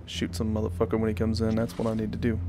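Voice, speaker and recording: A man's voice: on the low side, monotone, fast talker, background noise. A man giving casual, sarcastic, foul-mouthed commentary while playing a video game. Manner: sarcastic, profane. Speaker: gamer commentator.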